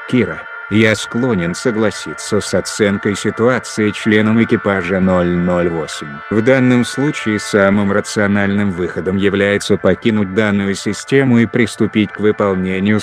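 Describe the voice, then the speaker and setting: A man playing a calm, rational ship's computer in a sci-fi audio drama, formal, precise and emotionless. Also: on the low side, music in the background, natural voice. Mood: calm, consoling. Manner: measured, precise, emotionless announcements.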